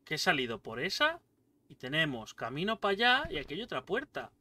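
Excitable, foul-mouthed gamer man. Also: on the high side, fairly quick, distant mic. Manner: excitable, swears a lot, yelps at jump scares. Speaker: gaming streamer. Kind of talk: casual let's-play commentary.

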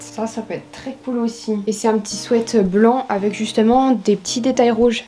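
A woman's voice: on the high side, a little mellow. A young woman from France, vlogging casually and rambling as she thinks aloud with lots of fillers, at home. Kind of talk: casual chatty vlog. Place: home room. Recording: echoey room.

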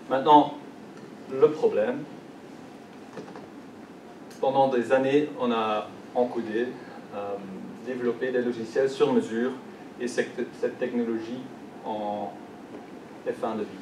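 This young conference speaker has a medium-pitched, mellow voice with a steady tone, and he takes things slowly with frequent pauses. French isn't his native tongue; his Belgian French accent comes through amid many fillers and restarts. Slight noise and hall echo reach the distant microphone.

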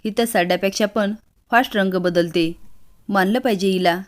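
A woman's voice: medium pitch, normal speed, close to an everyday voice. A woman voicing a sly, sarcastic older woman in a serial recap, reading in a teasing way.

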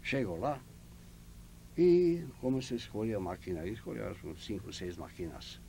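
An older man from Yugoslavia tells stories in lively, broken Portuguese, a second language for him. His voice is gravelly, and his pitch swings widely as he acts out the other people in each story. A faint hiss of noise sits under the recording. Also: normal speed. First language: not Portuguese. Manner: animated storyteller acting out dialogue, broken Portuguese. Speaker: oral history interviewee. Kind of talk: oral history storytelling.

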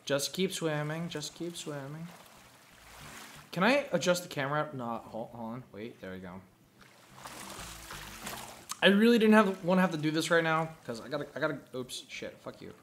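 Man, casual gameplay commentator, slightly high voice, profane and mumbly. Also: sing-song, fairly quick, a bit bright, a little hiss or hum. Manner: profane, muttering to himself.

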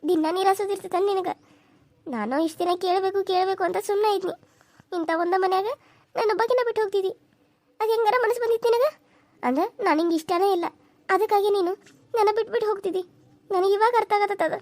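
A young village wife in a cartoon serial, voiced very high and thin by a woman. She speaks with a North Karnataka Kannada accent, tearful and accusing. The sound is close and dry. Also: fast, pauses often, a little mellow, no echo.

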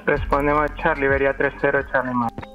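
A man's voice: mid-range voice, level tone, fairly quick, soft background music. Man on a cockpit headset radio. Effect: pilot speaking over a cockpit headset radio. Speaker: airline pilot in a flight simulation. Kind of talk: clipped radio phraseology. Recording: muffled lo-fi radio transmission.

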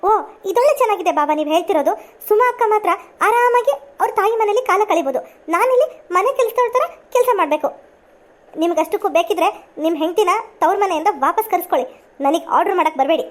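A woman's voice: very high-pitched, expressive, fast talker. A woman voicing an indignant young wife in a family cartoon who complains about doing all the housework. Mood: defiant. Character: sharp-tongued young wife, defiant. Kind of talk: cartoon voice acting.

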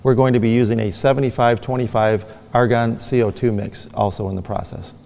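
A man's voice: medium pitch, fairly even intonation, brisk, vocal fry, a little mellow, in a large hall. A middle-aged man from Michigan, a fab shop owner giving a plain, practical welding lesson, often saying "actually". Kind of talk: instructional demonstration. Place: large indoor workshop.

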